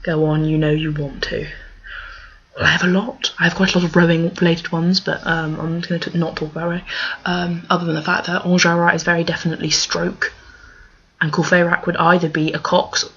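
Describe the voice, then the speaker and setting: A young woman chatting casually as a fan answering questions, gushing and emphatic, with halting digressions. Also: lowish voice, flat delivery, fairly bright tone, husky. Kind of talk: casual chat to camera. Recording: dull lo-fi microphone.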